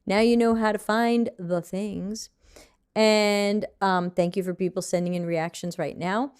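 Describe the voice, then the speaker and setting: A woman's voice: medium pitch, fairly even intonation, unhurried, a little mellow, smooth. An American woman teaching a live online design lesson in a chatty, conversational way, answering viewer questions as she goes. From United States.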